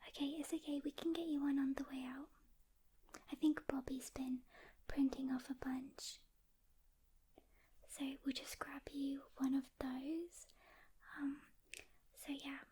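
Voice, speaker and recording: A woman with a high-sitting voice whispers near the microphone in a soft ASMR roleplay. As a gentle, caring demon hunter, she calmly reassures a rookie, pausing often.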